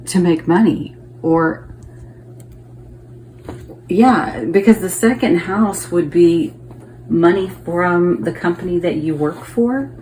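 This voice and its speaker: A tarot reader with a low, gravelly voice gives a relaxed reading, chatting as she turns over each card. She thinks out loud and keeps checking in with her viewers, over faint background noise in a rough recording.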